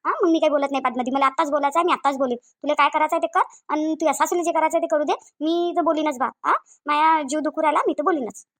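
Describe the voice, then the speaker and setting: A woman's voice: high voice, fairly even intonation, rapid-fire, fairly bright tone, dry recording. A woman voicing a stubborn, quarrelsome middle-aged village mother in a cartoon, with a Varhadi Marathi accent, defiant and repeating herself. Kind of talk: cartoon voice acting.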